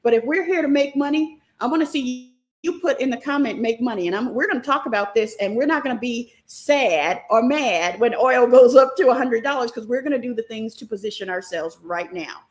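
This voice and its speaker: Woman, middle-aged, live class host, quick and animated, chatty, fairly high pitch. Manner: animated, fast talking; chatty, reacts to viewer comments. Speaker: stock market class host. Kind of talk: live online teaching.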